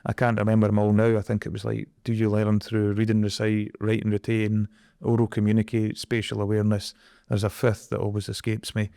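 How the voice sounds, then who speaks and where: A man's voice: fairly low pitch, completely flat delivery, brisk, creaky, dark tone, dry recording, studio quality. A Scottish man in his forties, a guest in an interview, talking earnestly and reflectively about his career. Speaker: guest, energy project director. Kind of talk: conversational interview.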